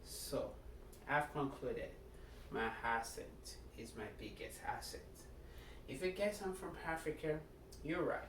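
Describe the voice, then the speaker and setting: A middle-aged man with a Nigerian accent giving a prepared self-introduction speech as a student, earnest and deliberate, speaking in short phrases. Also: on the high side, lively intonation. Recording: echoey room, distant mic, background noise.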